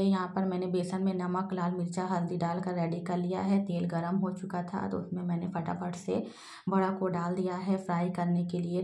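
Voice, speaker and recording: A woman's voice: on the low side, gravelly, warm tone, reverberant. A woman in her thirties, a mother, narrating her daily vlog in a plain, homely way with many fillers.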